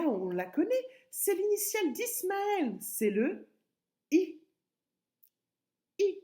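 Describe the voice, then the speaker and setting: Woman preschool teacher, slow careful delivery, animated sing-song pitch, clear letter-by-letter spelling.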